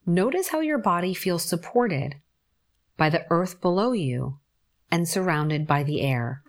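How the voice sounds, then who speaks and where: A woman leads a guided meditation in an unhurried, soothing way, leaving long pauses between phrases. Her voice sits a little low, yet it rises and falls in a lively, melodic line. Each instruction comes out gentle and calm. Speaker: forest bathing guide.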